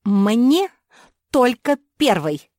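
A woman voicing a spoiled, rich young labrador girl who whines and demands loudly. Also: fairly low pitch, slow pace, no echo, clean studio sound, voice pushed up. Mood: bossy. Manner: whiny, demanding, loud.

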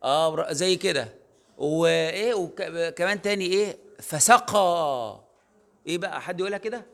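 This is a fast, high male voice with vocal fry. He's a university lecturer with an Egyptian Arabic accent, casually explaining in a recorded online lecture while leaning on fillers and fixing his own wording.

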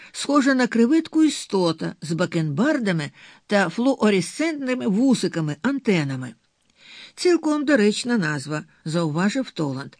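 Guy reading a thriller audiobook, pretty high voice, super dry close sound. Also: no room sound. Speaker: audiobook narrator. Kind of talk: scripted narration of a novel.

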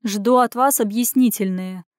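A woman's voice: mid-range voice, darkish tone, clear, resonant tone, dry recording, close to an everyday voice. A woman reading a story voices a stern, restrained middle-aged male department head who speaks curtly and dryly. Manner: curt, dry, measured.

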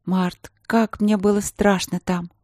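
A woman's voice: mid-range voice, flat delivery, slow pace, a little mellow, dry recording, clean studio sound, voice pushed up, natural voice. Woman voicing a hot-tempered young princess. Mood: upset, clingy. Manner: emotional, pleading, fervent.

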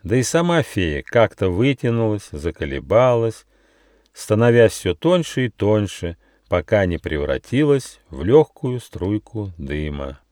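A man reading his own fairy tale as an audiobook, with expressive storytelling. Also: fairly low pitch, unhurried, no room sound. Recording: dry studio audiobook.

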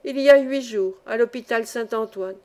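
A woman voicing a trembling, half-deaf old woman who keeps a shabby inn, exclaiming in slow laments in a storybook reading. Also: on the high side, darkish tone, close to an everyday voice. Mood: blunt.

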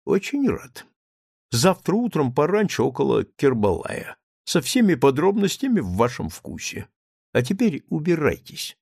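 A man voicing a composed, sarcastic zoologist who speaks in a calm, measured, disdainful tone, in an audiobook reading. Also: fairly high pitch, gravelly, breathy edge, dry recording, studio quality, voice pushed up, exaggerated voice. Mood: cold. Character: cool, contemptuous male zoologist, composed and sarcastic.

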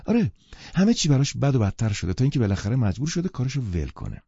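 A man's voice: mid-range voice, big pitch swings, mellow, husky, no room sound, dull audio, pitched above the performer's own voice. A male narrator voicing a composed young woman who speaks in a dry, matter-of-fact way. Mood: wry.

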